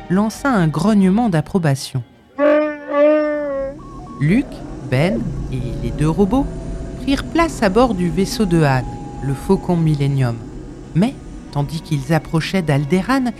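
A man narrating a storybook with a clear, expressive read-aloud delivery. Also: a little high.

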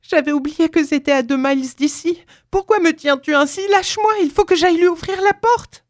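A woman doing a frantic old mother, shrieking high. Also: a little fast. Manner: shrieking, pleading.

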